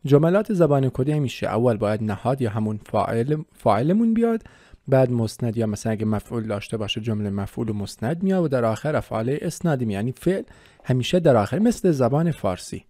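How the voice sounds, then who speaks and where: A male teacher takes his listeners through a grammar review at a steady, methodical pace, listing each form one by one. His voice is warm and mellow, with a middling pitch. It is recorded close and dry, with no room sound. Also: dry recording. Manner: methodical, repeats and spells out word forms. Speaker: language teacher. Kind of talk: explanatory grammar lesson.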